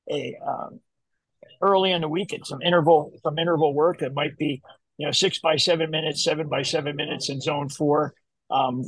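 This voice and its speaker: A man's voice: on the high side, no echo, rough recording. An older man, a running coach, talking casually in an interview, rambling and repeating the starts of his phrases.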